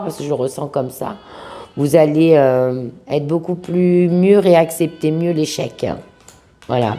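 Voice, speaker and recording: Woman doing a chatty tarot reading, low mellow voice, sounds under the weather, bit halting. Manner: affectionate, familiar address to viewers. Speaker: tarot reader, host of a video channel. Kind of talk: informal tarot guidance monologue to viewers.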